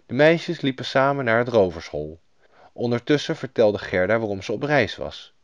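Man, storybook narration, lively swinging pitch, dry dull lo-fi sound. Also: normal speed, dry recording. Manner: lively storybook reading, voicing each character. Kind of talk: scripted fairy-tale narration.

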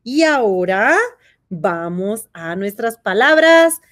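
A woman's voice: mid-range voice, very animated. A woman teaching a kindergarten phonics lesson, sounding out letters and syllables one by one and praising the children. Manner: sounds out letters and syllables slowly, warm encouragement.

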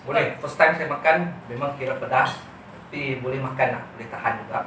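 A man's voice: medium pitch, fairly quick, bright, forceful tone, a little hiss or hum. A man, casually giving his verdict to viewers during a meal at home. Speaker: family mukbang vlogger. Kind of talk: casual chat to viewers while eating. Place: small bare room at home, dining table. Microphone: camera a few metres away. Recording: very echoey room, distant mic, clattering dishes.

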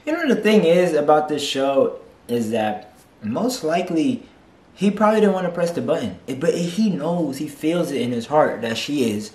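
A man's voice: fairly high pitch, sing-song, moderate pace, a little mellow, slight background noise. A young man in his twenties hosting a reaction video, brash, mocking and profane as he comments. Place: small room, seated on a couch. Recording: echoey room.

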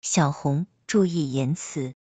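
A woman reading a story aloud, voicing a gentle, courteous celestial maiden who speaks softly and formally. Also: low-pitched, slow pace, no room sound. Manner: soft-spoken, formal.

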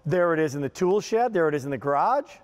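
An American man presents as a home shopping host in a notably high voice. His delivery is enthusiastic and folksy, full of exclamations and sales patter. The sound carries long studio reverb. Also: lively intonation, quick pace. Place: home shopping television studio with kitchen set.

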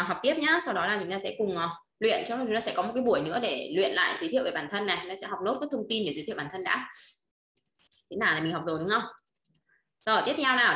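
A woman's voice: mid-range voice, bright, forceful tone, reverberant. A woman teaching a language lesson, repeating phrases and often checking that students follow. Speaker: Chinese teacher.

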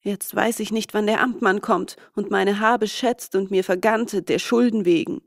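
A woman's voice: mid-range voice, fairly even intonation, moderate pace, no room sound, clean studio sound, natural voice. Woman playing a greedy reckless young glassmaker. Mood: lamenting. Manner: complaining, demanding.

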